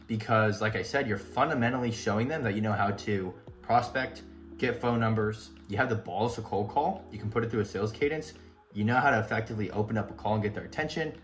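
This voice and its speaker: Young male sales coach, lowish voice, casual and direct. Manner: upbeat, direct, casual, addresses viewers as guys. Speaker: job search advice creator. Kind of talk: instructional video talk.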